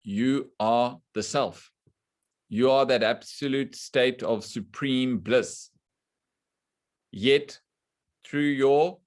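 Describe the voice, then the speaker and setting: A man teaching a scripture class to students online, explaining slowly and deliberately and putting questions to the class. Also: medium pitch. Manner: slow and deliberate, quizzing the class. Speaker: spiritual teacher.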